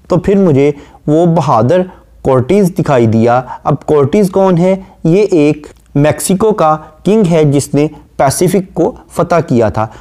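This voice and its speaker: A man's voice: mid-range voice, warm tone. Lecturing man, explains poetry line by line. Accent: Urdu-inflected Hindustani. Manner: explains line by line, quotes slowly then paraphrases; rapid listing during rhyme scheme drills. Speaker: literature lecturer.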